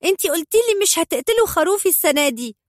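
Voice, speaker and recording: A shrill little boy with an Egyptian accent, close to tears with rage, as a woman puts him on. His voice leaps high and loud, and the reading is dry and close. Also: animated, fairly quick, dry recording. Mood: furious. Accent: Egyptian Arabic. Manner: shrill, outraged shouting. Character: young boy, angry and wounded.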